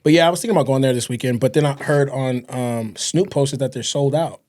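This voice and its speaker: A man's voice: mid-range voice, fairly quick, darkish tone. A man from the US West Coast co-hosting a podcast in casual, joking chat, rambling with lots of fillers. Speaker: podcast co-host.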